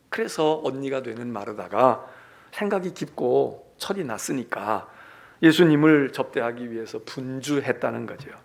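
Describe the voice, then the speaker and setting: Gravelly middle-aged Korean pastor preaching. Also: male voice, mid-range voice. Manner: dramatic swings between hushed whispers and raised emphatic calls; acts out quoted lines in character. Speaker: senior pastor. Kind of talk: Sunday sermon.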